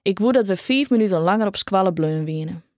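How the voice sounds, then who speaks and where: Brief: woman doing soft-spoken Frisian teen boy, open and gentle, mid pitch, dry close read. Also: lively intonation, a little fast, no echo, natural voice. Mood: sad.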